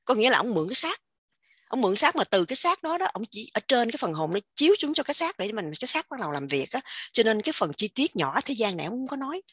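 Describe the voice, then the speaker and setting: A woman with a Southern Vietnamese accent giving an animated casual spiritual talk, repeating words in quick emphatic bursts. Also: on the high side, husky, dry recording, clean studio sound. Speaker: religious teacher sharing insights.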